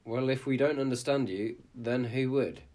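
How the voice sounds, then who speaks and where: A man's voice: mid-range voice, normal speed, a little mellow, voice pushed up, close to an everyday voice. A man reading a story aloud and voicing a bossy, self-important hen who scolds and lectures. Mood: scolding. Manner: scolding, preachy.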